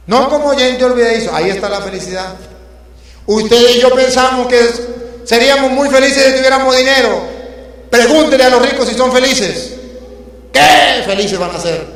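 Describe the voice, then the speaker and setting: Male priest, high-pitched, preaching with emphatic rhetorical questions, heavily echoing room. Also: fairly bright tone. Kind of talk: sermon. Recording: very echoey hall with faint hum.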